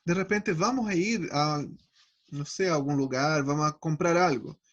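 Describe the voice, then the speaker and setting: A man's voice: fairly high pitch, normal speed, muffled recording. A man teaching an online Bible study, speaking with earnest, personal testimony. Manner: earnest personal testimony, acting out his own prayers.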